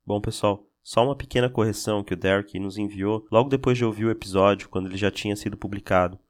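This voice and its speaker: Male host, low voice, plain scripted read. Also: fairly even intonation, fast. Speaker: podcast host. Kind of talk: scripted announcement.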